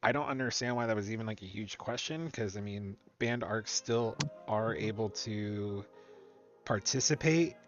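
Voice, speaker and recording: A man's voice: lowish voice, moderate pace, lo-fi sound, soft background music. A man hosting a gaming stream, reading game rules aloud and debating them in casual chat. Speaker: streamer host.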